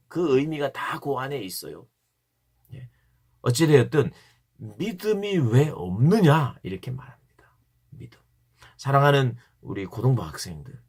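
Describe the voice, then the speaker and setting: A man's voice: medium pitch, breathy edge. A man giving an earnest devotional Bible talk to teenagers as a youth pastor, stressing points by repeating key phrases.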